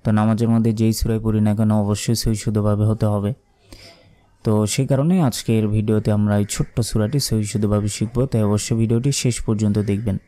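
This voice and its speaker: Man, Bangladeshi Bengali accent, Quran recitation tutor, patient repetition, smooth clear voice. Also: on the low side, little pitch movement, warm tone. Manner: explains pronunciation slowly, repeating words; recites in a rising melodic chant.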